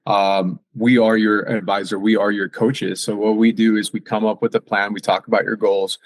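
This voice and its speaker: A man's voice: fairly low pitch, little pitch movement, normal speed, no echo. A man who works as a fitness and nutrition coach, talking casually and emphatically, with lots of fillers and tag questions. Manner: casual, emphatic, many fillers and "right?" tags. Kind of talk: casual podcast conversation.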